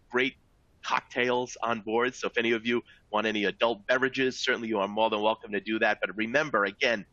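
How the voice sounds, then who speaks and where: A man pitches sleeper train trips in a bright, forceful voice, upbeat and salesy, calling his listeners folks. The sound is close and dry, with a slightly dull, muffled tone. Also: no echo. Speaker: travel company presenter. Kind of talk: sales presentation to travel advisors.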